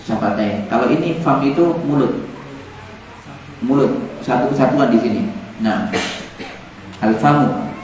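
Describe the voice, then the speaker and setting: A man's voice: medium pitch, unhurried, pauses often, a little mellow, a little hiss or hum. A man teaching Arabic vocabulary to a class, repeating words and joking with the students. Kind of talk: classroom lesson. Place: large echoey classroom. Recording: echoey, distant, dull room recording with students.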